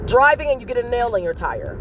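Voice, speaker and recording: A woman giving an earnest, casual motivational talk to her viewers, telling a story with animated acted outbursts. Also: on the high side, quick pace, faint music behind. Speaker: motivational vlogger.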